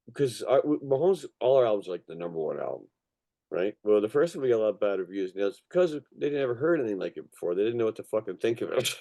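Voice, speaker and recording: His voice sits fairly low and has a sing-song, creaky, warm quality, and he talks fast. He's a musician, songwriter and record producer in a casual interview, telling rambling stories with plenty of swearing and emphasis while asking "you know" and "right" again and again.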